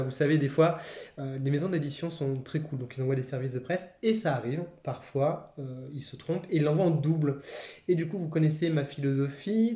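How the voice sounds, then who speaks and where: A French man hosting a comics channel, chatting casually and enthusiastically about his new books, often pausing on fillers. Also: a little high, warm tone, reverberant. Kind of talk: casual haul vlog talk.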